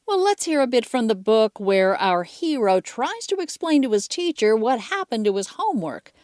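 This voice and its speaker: A woman's voice: fairly high pitch, sing-song, normal speed, darkish tone. A woman hosting a podcast, interviewing children about a book with short, playful questions. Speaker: podcast host.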